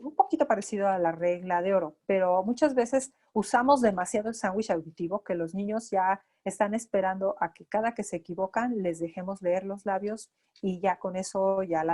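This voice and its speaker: Una mujer con acento mexicano, terapeuta auditivo-verbal, da una clase a residentes y explica con ejemplos prácticos. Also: female voice, medium pitch, darkish tone. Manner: explanatory, acts out examples of talking to children. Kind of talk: lecture.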